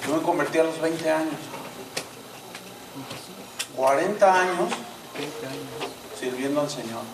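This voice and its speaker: Mexican pastor preaching in an echoey church. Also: male voice, a little high, slow, noisy background. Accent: Mexican Spanish. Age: 50s. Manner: animated, acts out dialogue in shifting voices. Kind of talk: sermon with storytelling. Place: church sanctuary. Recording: echoey church hall, mic at a distance.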